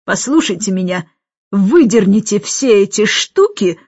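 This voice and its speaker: A woman reading an audiobook, voicing a domineering older governess who barks orders loudly and slowly. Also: mid-range voice, expressive, slightly rough, no room sound, dull audio. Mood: scolding. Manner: loud, slow and bossy, barking orders.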